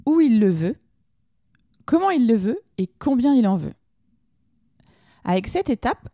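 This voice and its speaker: A woman's voice: medium pitch, dark tone, no echo. Woman explaining in a dry close voice. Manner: conversational, addresses listeners directly with questions. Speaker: podcast host teaching lean management. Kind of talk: informal explanatory lesson.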